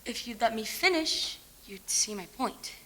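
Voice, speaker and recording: A woman's voice: a little high, expressive, measured pace, sharp tone. Liz, a woman playing a blunt impatient woman. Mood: curt. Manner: curt, dismissive. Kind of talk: musical theatre acting.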